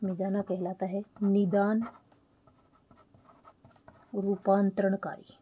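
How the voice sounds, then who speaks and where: A woman teacher, explaining an exam lesson slowly, repeating key terms and asking checking questions. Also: mid-range voice, flat delivery, husky, narrow, tinny audio. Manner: spells terms out letter by letter while writing. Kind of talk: online exam-prep lesson.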